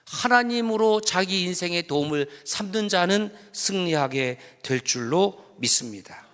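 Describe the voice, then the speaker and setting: A male pastor leading a worship service in a church sanctuary, with a somewhat high, lively voice. His tone is bright and sharp, and he jokes with the congregation and prompts them to read along. The sound carries the long reverb of the hall. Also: measured pace, clear, resonant tone. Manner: playful, jokes with the congregation and leads them in reading aloud. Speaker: senior pastor. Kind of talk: sermon at a Friday worship service.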